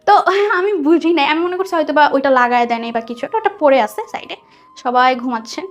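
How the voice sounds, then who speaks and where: A young woman with a Bangladeshi accent tells a personal story conversationally as a guest, acting out what people said. Her voice is high and quick, the sound is lo-fi, and music plays in the background.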